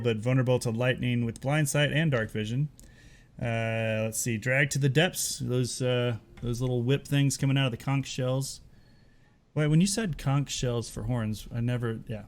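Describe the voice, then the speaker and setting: A man's voice: mid-range voice, moderate pace, darkish tone. A man hosting a casual online show, loose and rambling, often breaking into laughter. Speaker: host.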